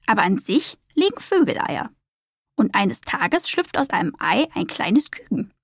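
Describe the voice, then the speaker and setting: A woman voicing a knowing crow with a croaking voice in a storybook reading. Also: a little high, big pitch swings, a little slow, no room sound, clean studio sound, heavily acted.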